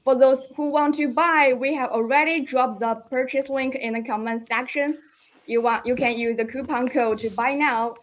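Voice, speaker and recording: A woman's voice: sits high, fairly even intonation, normal speed, rough recording. A woman hosting a live product launch stream, promoting a deal and urging viewers to join a giveaway.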